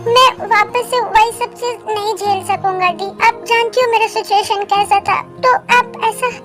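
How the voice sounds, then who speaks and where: Woman doing a young guy, tearful, pleading, very high voice, music underneath. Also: fairly even intonation, measured pace, recorded from a distance. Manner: pleading, emotional. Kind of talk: Hindi fan dub drama.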